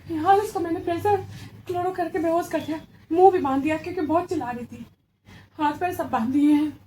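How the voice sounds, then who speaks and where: A woman's voice: very high-pitched, a little fast, dark tone, a little hiss or hum. A woman playing a desperate guilty young man. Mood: panicked. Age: young adult. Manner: anxious, self-pitying, muttering to himself. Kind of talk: amateur dramatic acting.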